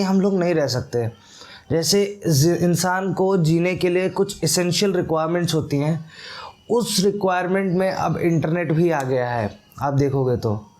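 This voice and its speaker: A man's voice: high-pitched, darkish tone. A man hosting a casual tech explainer, chatty and conversational with frequent fillers and self-corrections. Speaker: tech YouTuber host. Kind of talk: casual explainer talk to camera.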